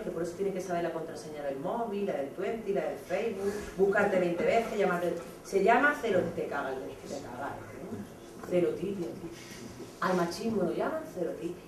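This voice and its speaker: A woman in her thirties with an accent from Spain, giving a blunt, animated theatrical monologue to students. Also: lowish voice, fairly quick, background noise. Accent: Spain Spanish. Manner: animated, blunt, acts out scenes. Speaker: speaker addressing students. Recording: echoey hall from far off.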